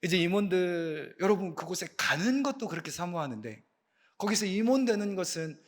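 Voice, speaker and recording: A man with a fairly high voice gives a relaxed sermon from the pulpit, like an associate pastor at a late-night prayer meeting. He talks in a chatty, joking way and keeps turning to the congregation with questions. His pitch and loudness jump around as he stresses his points. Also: fairly quick. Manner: lively swings in pitch and loudness for emphasis. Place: church sanctuary.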